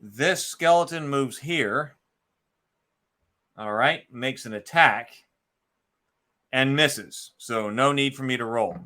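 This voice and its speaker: Speaking slowly with long pauses, a man with a medium-pitched, sharp voice plays a board game on his own. His casual live narration covers his moves and dice counts as he reasons them out aloud.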